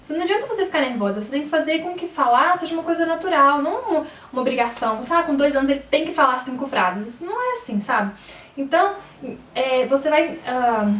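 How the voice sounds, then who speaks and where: A woman's voice: high-pitched, fairly bright tone, reverberant, distant mic, a little hiss or hum. A woman in her twenties with a Brazilian Portuguese accent, a mother giving chatty advice in a casual vlog and often checking in with the listener. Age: 20s. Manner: chatty, keeps checking in with "sabe?". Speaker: mother giving parenting tips.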